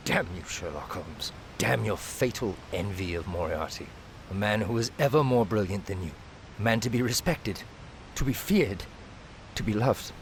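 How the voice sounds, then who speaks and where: A man's voice: fairly low pitch, lively intonation, moderate pace, slight background noise. An actor playing a bitter, vengeful colonel and villain's henchman in a declamatory, grandiose radio drama monologue. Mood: bitter fury.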